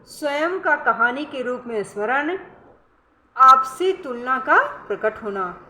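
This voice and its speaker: A high-voiced woman teaches an exam-prep lesson, slipping Indian-accented English terms into her talk. She coaxes her students and keeps checking that they follow. The sound is bright and sharp, in an echoey room with a faint hiss behind. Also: lively intonation, takes it slowly. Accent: Indian English words mixed into Hindi. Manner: coaxing, calls students beta, keeps asking "correct?".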